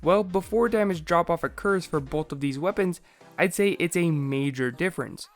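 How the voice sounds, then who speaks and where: A man with a slightly raspy voice, recovering from a sore throat, methodically narrating a scripted video game explainer. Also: on the high side, moderate pace, soft background music.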